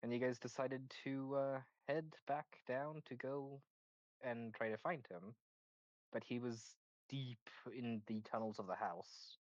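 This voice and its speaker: A man's voice: mid-range voice, fairly even intonation, unhurried, no echo, dull audio. A man running an online tabletop game as game master. He stops and restarts his sentences while he recaps.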